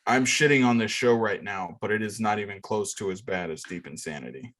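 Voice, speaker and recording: A man's voice: on the low side, a little fast, fairly bright tone. A man co-hosting a casual podcast chat, sarcastic and profane, mocking what he discusses. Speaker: podcast co-host.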